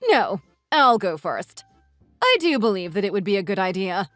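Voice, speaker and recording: Woman voicing an older mother-in-law, slow scolding delivery, dry recording, soft music bed. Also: medium pitch, big pitch swings, dry recording. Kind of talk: read-aloud text-message story.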